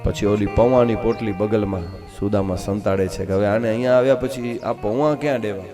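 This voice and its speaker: A man, telling a devotional scripture story with dramatic swings between loud and soft. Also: lowish voice, a little fast, music in the background. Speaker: religious storyteller.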